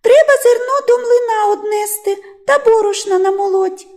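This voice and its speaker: A woman voicing two tiny lazy mice in a storybook tale, using a squeaky, piping voice. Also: normal speed, a little mellow. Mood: carefree.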